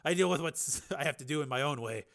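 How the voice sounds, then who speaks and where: A man's voice: fairly high pitch, fast, creaky, fairly bright tone. A man voicing a weary, blunt middle-aged cop in an audiobook reading, with hesitant, dry, self-deprecating delivery. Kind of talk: audiobook dialogue.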